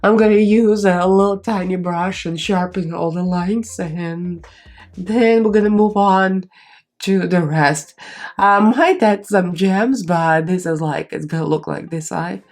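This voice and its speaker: A beauty vlogger with a cold chats casually through a makeup tutorial, her lowish, darkish voice congested, nasal and strained. She's unhurried, rambling with fillers as she applies her makeup.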